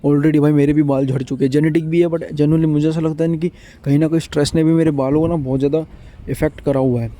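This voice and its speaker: A young vlogger in his 20s gives a casual motivational monologue in a dark, mellow, fairly high voice that stays level and moves fast. He's earnest and repetitive, mixing Hindi with English.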